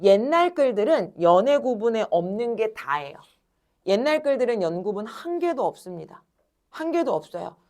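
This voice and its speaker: Animated woman teacher, lively pitch. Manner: animated, addresses students directly, asks and answers own questions; stretches words slowly when demonstrating. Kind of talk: classroom lecture. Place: classroom.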